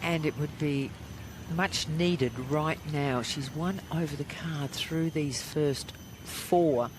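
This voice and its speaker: Man, golf commentator, somewhat high pitch, live analysis, noisy outdoor broadcast. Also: slow pace. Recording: outdoor broadcast with clear background noise.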